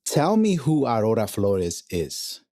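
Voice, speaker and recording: A man's voice: on the low side, huge pitch swings, slow, mellow, dry recording, clean studio sound. A man hosting a podcast, speaking earnestly and dropping in Spanish phrases as he introduces his guest. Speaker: podcast host. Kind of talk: scripted podcast introduction and interview.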